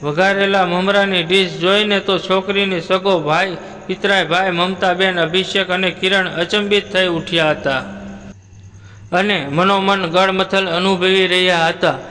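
A man narrating a moral story in a steady, even storytelling read. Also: high voice, unhurried, in a large hall.

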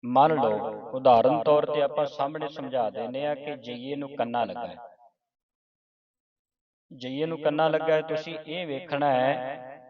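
A man's voice: medium pitch, fairly even intonation. Distant man teaching scripture pronunciation. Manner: slow chanted recitation of verses between explanations; patient, repeats each point. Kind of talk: step-by-step recitation lesson. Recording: muffled, distant with crowd behind.

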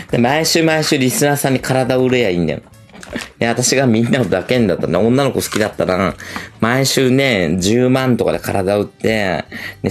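A middle-aged man with an effeminate camp persona, chatting crudely and rambling in a casual livestream, laughing often. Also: mid-range voice.

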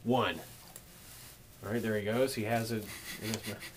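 A man hosting a radio morning show, giving excited play-by-play of a stunt, laughing often. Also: fairly low pitch, moderate pace, slight background noise. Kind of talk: casual on-air banter.

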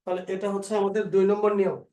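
A male teacher with a Bangladeshi Bengali accent, slowly dictating spelling rules and repeating example words. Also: sits high, flat delivery, mellow. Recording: echoey room, voice a bit far from the mic.

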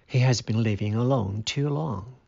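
A man's voice: medium pitch, moderate pace, gravelly, a little mellow, husky, lo-fi sound. A man doing a plain-spoken neighbor farmer. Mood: matter-of-fact.

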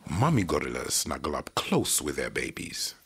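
Very deep gravelly silverback gorilla. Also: male voice, very animated, moderate pace, fairly bright tone, exaggerated voice. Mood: gentle, reassuring. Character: proud gentle male silverback mountain gorilla, head of his troop. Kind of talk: scripted children's educational show.

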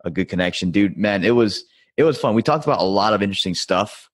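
A man's voice: fairly low pitch, lively intonation, quick pace. A man hosting a podcast, chatting casually and laughing easily with his guest. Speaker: podcast host.

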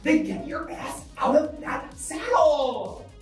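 A man's voice: extremely high pitch, sing-song, takes it slowly, reverberant, distant mic, faint music behind, heavily acted, poor audio. An actor playing a flamboyant, out-of-breath male spin-class instructor with hype-man energy. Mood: hyped.

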